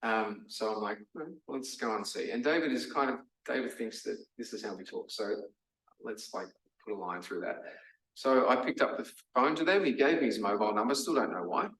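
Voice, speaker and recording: A man's voice: on the low side, expressive, brisk, a bit bright. An Australian man giving a casual lecture, chatty and full of fillers like "um" and "like". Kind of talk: casual masterclass talk. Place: lecture room. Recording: roomy hall, mic from a distance.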